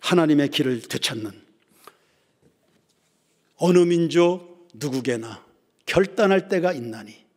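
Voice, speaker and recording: A male pastor preaching a sermon, swinging from ringing emphasis down to hushed near-whispers. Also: a little high, animated, measured pace, long pauses, breathy edge. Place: church sanctuary. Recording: reverberant church hall.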